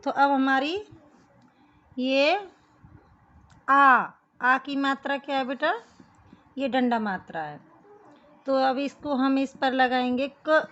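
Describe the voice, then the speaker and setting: A woman gives a children's lesson in a high voice, speaking slowly and patiently. She explains each step and keeps calling the kids "beta". The recording sounds dull and lo-fi. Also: fairly bright tone. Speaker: teacher.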